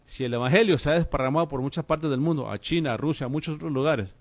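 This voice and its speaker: A man's voice: a little high, fast talker, no room sound. A man preaching on the radio as a pastor and host, fervent and calling listeners brother.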